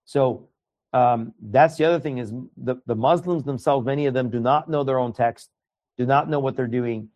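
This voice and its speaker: A man's voice: mid-range voice, normal speed, darkish tone. A man from Iran whose first language is Farsi, a guest speaking earnestly in a conversational interview and often repeating words as he starts a thought.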